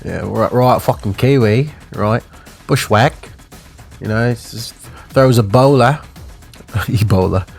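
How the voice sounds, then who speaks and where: A man's voice: medium pitch, a little slow, vocal fry, pauses often, soft background music. A man putting on a jokey, exaggerated Kiwi-Australian twang with playful slang.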